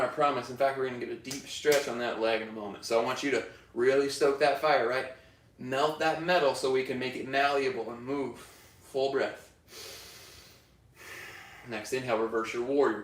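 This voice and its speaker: A male yoga teacher leading a class through poses with calm, breath-paced cues. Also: mid-range voice, brisk. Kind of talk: guided yoga class instruction. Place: yoga studio. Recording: roomy studio echo from far off.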